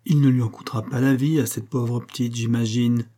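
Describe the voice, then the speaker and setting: A man voicing an aging male chapel master, excitable and theatrical, swinging between pleading and outrage. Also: medium pitch, brisk, natural voice. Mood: impatient. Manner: anguished, pleading outbursts.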